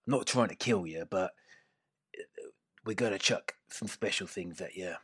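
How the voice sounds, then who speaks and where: A man's voice: sits low, normal speed, fairly bright tone, slightly rough, no room sound, studio quality. A man voicing a battered old retired male pit-fight boss with a lisp and easygoing, breezy patter.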